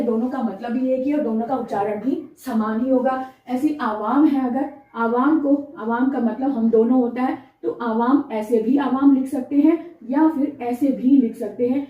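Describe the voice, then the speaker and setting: A high-pitched woman teaching a grammar lesson, explaining patiently and repeating each example. She sounds far from the mic in a very echoey room. The recording is dull. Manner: explanatory, repeats examples, asks rhetorical checks. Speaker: Hindi teacher.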